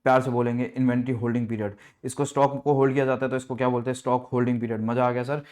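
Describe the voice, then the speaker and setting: A man's voice: medium pitch, rapid-fire. A man teaching an exam revision lecture in finance, firing questions and answering them himself in a playful, hyped-up way. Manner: energetic call-and-response questioning; playful, hypes the students.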